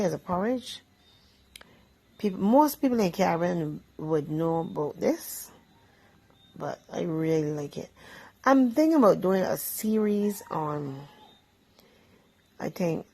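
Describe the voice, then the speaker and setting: Gravelly low-voiced Barbadian woman. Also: warm tone, low-quality recording. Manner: chatty, easygoing, talks between bites. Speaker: vlog host. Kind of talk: casual cooking chat while eating.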